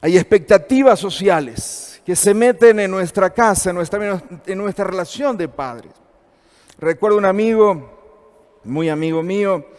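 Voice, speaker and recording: A man's voice: high voice, darkish tone, in a large hall. A man in his fifties with an Argentine accent, teaching a church seminar in a conversational way and asking the audience questions. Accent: Argentine Spanish.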